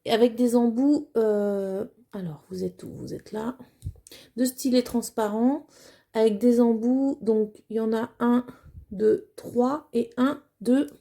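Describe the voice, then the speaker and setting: A woman's voice: a little high, mellow. A woman chatting casually as she unboxes a craft kit at home, hesitant with many fillers and plainly enthusiastic. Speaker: crafting vlogger.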